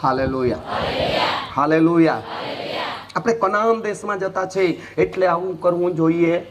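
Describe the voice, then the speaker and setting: A male pastor from Gujarat preaching a sermon, firing questions at the congregation and moving between low asides and sudden shouts. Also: measured pace, very noisy. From Gujarat, India. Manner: lively preaching, quizzing the congregation with "Hallelujah" and "Hey?". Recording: distant mic with loud room ambience.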